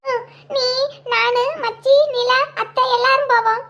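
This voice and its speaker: A woman voicing a gentle young friend in a cartoon, speaking in a soothing, coaxing way. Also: extremely high pitch, flat delivery, measured pace. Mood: consoling.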